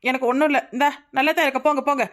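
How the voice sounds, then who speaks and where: A woman voicing a sulky, sharp-tongued young village wife in a cartoon, with a Kanyakumari Tamil accent. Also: high-pitched, steady tone, racing. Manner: sulky, retorting.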